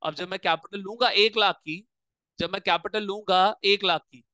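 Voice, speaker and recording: A man's voice: high voice, fairly even intonation, moderate pace, sharp tone, clean tone, dry recording. A man teaching an accounting class, mixing English terms into his Hindi explanations and constantly firing questions at the students, then answering them himself. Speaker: commerce teacher. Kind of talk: classroom lecture.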